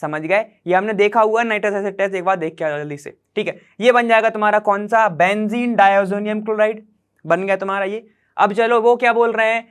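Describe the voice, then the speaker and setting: Chatty, smooth-voiced male chemistry tutor. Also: high-pitched, a bit bright. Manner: chatty, quizzes the viewer, keeps saying "theek hai". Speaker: chemistry teacher. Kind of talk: explaining chemistry problems step by step.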